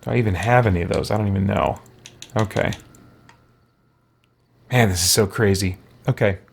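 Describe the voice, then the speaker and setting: This role-play playthrough host has a fairly low, creaky, slightly rough voice and keeps a moderate pace. He offers laid-back gameplay commentary, musing aloud, grumbling to himself and exclaiming mildly.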